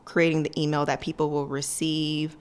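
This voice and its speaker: A woman's voice: low voice, little pitch movement, normal speed. A young woman chatting casually to her viewers in a day-in-the-life vlog, loose and rambling with lots of "um" and "like.". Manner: chatty, loose, with many fillers and "like". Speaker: vlogger and business coach.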